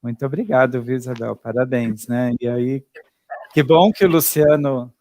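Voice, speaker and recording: A man's voice: medium pitch, normal speed, a little mellow. A man moderating an online meeting, encouraging and affirming as he hands over to the next speaker. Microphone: video call.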